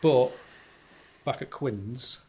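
A man's voice: mid-range voice, extremely slow, darkish tone, husky. A man interviewing a former player, asking leading questions with tags on the end.

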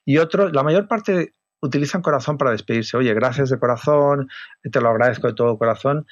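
A man with an accent from Spain, a communication trainer being interviewed, explaining in a lively way and acting out example voices. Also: medium pitch, brisk, no echo, lo-fi sound. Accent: Spain Spanish. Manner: animated, acts out example voices.

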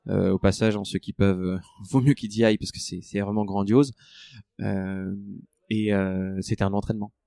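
A man in a relaxed interview, talking through his running training with many fillers and restarts. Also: lowish voice, normal speed, vocal fry, dry recording, studio quality. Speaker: ultra-trail runner guest. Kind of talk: conversational interview.

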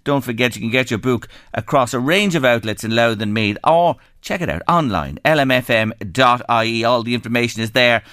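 A man's voice: mid-range voice, brisk, hardly any pauses, a bit bright, smooth, dry recording, studio quality. An Irish man presenting a chatty local radio show in an effusive, folksy manner, with plenty of rhetorical questions.

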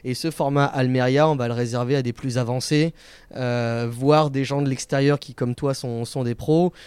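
A man, a guest on a casual podcast outdoors, explaining how he runs comedy nights, animated and full of hesitations. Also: mid-range voice, normal speed, clear, resonant tone, no room sound. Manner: animated storyteller, many hesitations. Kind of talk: casual interview chat.

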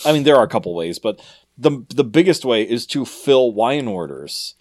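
A man co-hosting a casual podcast, trading dad jokes with a deadpan delivery. His pitch sits in an ordinary middle range. When he reviews a game he talks in a halting, thinking-aloud way. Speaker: podcast co-host. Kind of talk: casual chat.

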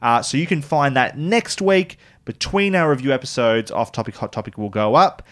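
A man hosting a podcast, chatting casually and reviewing a TV season with quick, joking asides. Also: mid-range voice, lively intonation. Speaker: podcast host.

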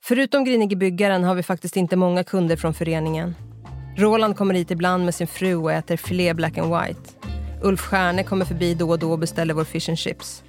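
A man's voice: sits high, fairly even intonation, faint music behind. A reader voicing a middle-aged Scottish pub owner, a chatty man with a Scottish accent who mixes English phrases into his talk. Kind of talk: audiobook character voice.

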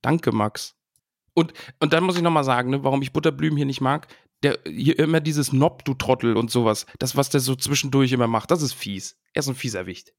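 A man's voice: mid-range voice, brisk, dry recording, studio quality. A man co-hosting a casual podcast about a book, cheerfully reading passages aloud with feeling. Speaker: podcast co-host.

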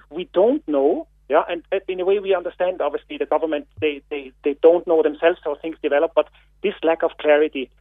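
A radio phone-in guest with an Austrian accent speaks haltingly, full of fillers and repeated words, in a slightly high voice. Coming through a telephone, the sound is dry and tinny with no echo.

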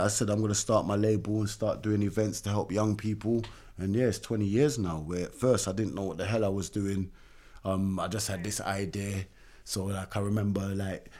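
A man's voice: fairly low pitch, warm tone. A middle-aged man with a South London accent, telling his story casually in an interview, in informal, slangy speech. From London, England. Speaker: music label founder and youth mentor.

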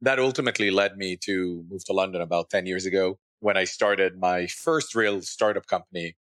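Low-voiced man from Israel, thoughtful founder guest, dry sound. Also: moderate pace, fairly bright tone, no room sound. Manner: thoughtful, with frequent restarts. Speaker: podcast guest, startup founder. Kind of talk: interview conversation.

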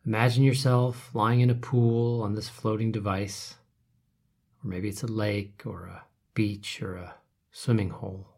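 A man leading a guided relaxation meditation, speaking softly and calmly, his phrases trailing off into whispers. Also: on the low side, a little slow, breathy edge. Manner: soft, calm, trailing off to whispers.

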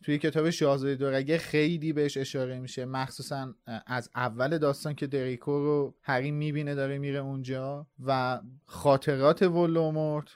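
A man's voice: medium pitch, fairly even intonation, few pauses, darkish tone, smooth, no echo. A man hosting a podcast, explaining story points in a chatty way. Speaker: podcast host. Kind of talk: casual discussion.

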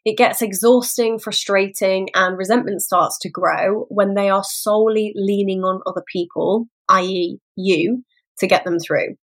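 A woman's voice: medium pitch, fairly even intonation, a little slow. Chatty English woman hosting a podcast. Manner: casual, chatty, swears and laughs easily. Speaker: podcast host and codependency coach. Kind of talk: podcast monologue giving advice.

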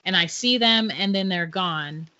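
A woman's voice: fairly low pitch, unhurried, bright, forceful tone. A middle-aged woman, a guest psychic, telling her own stories casually and laughing often. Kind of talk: casual storytelling. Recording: dull lo-fi sound.

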